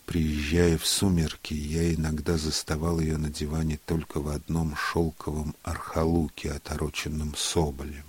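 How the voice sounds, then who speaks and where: Male storyteller, very low and breathy, flat hushed reading. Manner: hushed, unhurried, sometimes sinks to a whisper. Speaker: narrator. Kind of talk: literary reading.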